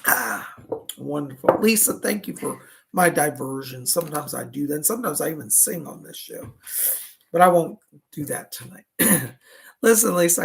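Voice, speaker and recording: A raspy man with a heavily gravelly, crackling edge and a fairly bright tone speaks as a psychic medium giving live readings. His pitch swings widely up and down as he chats along soothingly and reassuringly.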